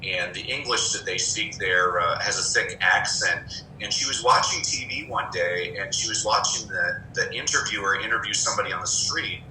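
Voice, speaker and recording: A man being interviewed, a former English teacher who tells lively anecdotes and slips into voices he mimics. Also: on the low side, normal speed, reverberant, slight background noise, low-quality recording. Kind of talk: conversational interview storytelling.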